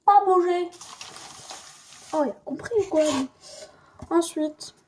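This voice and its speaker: A young woman with a high, steady, slightly mellow voice chats playfully at a normal pace while cooking in her kitchen, addressing both the viewer and herself. She's a cooking vlogger doing a casual home cooking demo, picked up by a camera mic on a stand with a bit of background noise.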